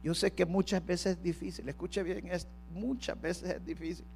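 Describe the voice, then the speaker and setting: High-voiced preacher man, quiet to shouting. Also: steady tone, normal speed, creaky, slight background noise. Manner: acts out the voices of church members and family. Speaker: pastor. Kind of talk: sermon.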